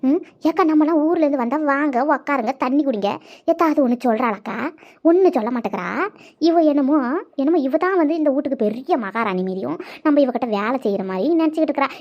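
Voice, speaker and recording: A woman's voice: high-pitched, lively intonation, fast talker. A woman voicing a blunt younger sister in a cartoon, gossiping and running others down. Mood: gossipy. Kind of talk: cartoon voice acting. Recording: dull lo-fi audio.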